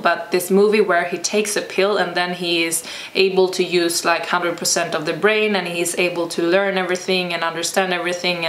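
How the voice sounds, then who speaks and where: A young Swedish woman with a Swedish accent, a vlogger and personal trainer, answers viewer questions in a casual vlog, thoughtful and hesitant as she searches for words. Her voice is lowish with a fairly bright tone, recorded in an echoey room with faint ambient noise.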